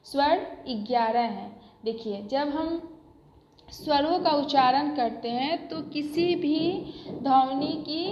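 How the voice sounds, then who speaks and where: A woman's voice: sits high, a little hiss or hum. A woman teacher patiently explaining a grammar lesson to young children, repeating each point. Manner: patient, repetitive, addresses children directly. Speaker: school teacher. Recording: echoey room, dull lo-fi sound.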